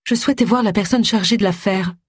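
A woman's voice: medium pitch, quick pace, husky, no echo, studio quality, voice pushed up, close to an everyday voice. A woman voicing a grieving, elegant woman in her forties in an audiobook, plaintive and tearful.

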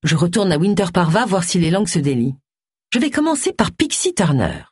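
A woman's voice: lowish voice, big pitch swings, a little fast, darkish tone, husky, no room sound, clean studio sound. A woman voicing a bossy, impatient middle-aged woman detective who talks bluntly and insistently. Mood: brisk.

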